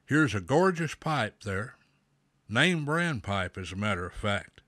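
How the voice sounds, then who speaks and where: Guy with a pipe clenched in his mouth, lowish voice, folksy pipe tips, real dry sound. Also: sing-song, pushed and bright, dry recording. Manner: slow, homespun, folksy advice. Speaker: host of a pipe smoking show. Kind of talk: casual talk to camera.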